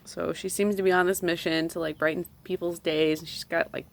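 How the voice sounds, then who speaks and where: A woman's voice: lowish voice, little pitch movement, fairly quick, creaky. Rambling woman vlogging from her van. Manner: rambling, filler-heavy retelling with many "like"s. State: smoking a cigarette while talking. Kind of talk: casual video journal storytelling. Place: sitting in a parked van at a gas station.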